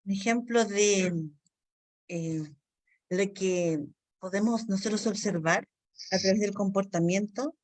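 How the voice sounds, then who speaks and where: A woman's voice: medium pitch, slow pace, long pauses. A woman from Chile with a Chilean accent, teaching a Bible counseling class in an earnest, apologetic way and acting out everyday dialogue as examples. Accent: Chilean Spanish. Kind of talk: online course lesson.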